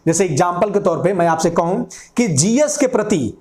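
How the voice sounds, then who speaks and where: A man's voice: high-pitched, expressive, normal speed, a little mellow, echoey room. A young man teaching an exam-prep class at a whiteboard, often repeating key points and asking and answering his own questions. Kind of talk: classroom lecture.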